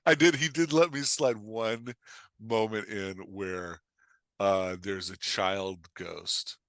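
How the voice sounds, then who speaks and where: In a dry, studio-quality recording, a middle-aged man who works as an author and writing coach speaks slowly and steadily in a lowish, fairly bright voice. His talk is animated and conversational, mixing explanation and storytelling with an emphatic, opinionated edge.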